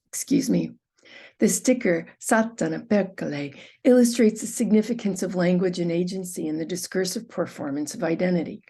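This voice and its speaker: A woman presenting a prerecorded academic conference talk, reading from a script at a measured pace. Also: on the low side, creaky, mellow.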